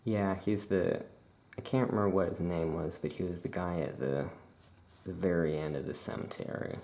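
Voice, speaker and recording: A soft-spoken ASMR performer plays a laid-back witch shopkeeper, musing casually and hesitantly to a customer. The voice is low with fairly even intonation at normal speed.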